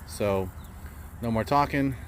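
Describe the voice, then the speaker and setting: A man explains things casually, as a hobby vlogger does to his viewers. His voice is mid-pitched, recorded outdoors with a faint layer of noise behind it. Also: takes it slowly. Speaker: RC crawler hobbyist host. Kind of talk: casual vlog explanation to camera.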